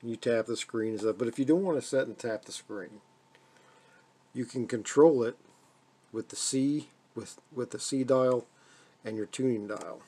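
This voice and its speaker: A radio hobbyist, an American man, demonstrates a receiver at his radio desk indoors in a casual, hands-on home video. His voice is mellow, relaxed and husky at an average male pitch, and he speaks unscripted, halting and repeating phrases as he goes.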